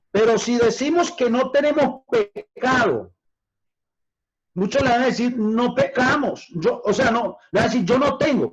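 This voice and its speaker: High-voiced man teaching scripture, lo-fi. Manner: addresses listeners directly as brothers, asks questions; stretches key words slowly for emphasis. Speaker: pastor. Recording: dull lo-fi recording.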